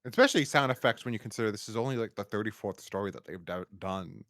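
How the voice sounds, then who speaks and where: With a lowish, fairly bright voice and a quick pace, an American man hosts a casual review podcast, chatting on wordily and restarting with stammers. The recording is dry and of studio quality.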